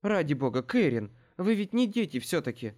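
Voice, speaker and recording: A genteel older mother speaks with prim, gentle reproach, her voice raised and lively, as a man reading a storybook puts her on. She sounds proper and motherly. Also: fairly high pitch, normal speed. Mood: reproachful.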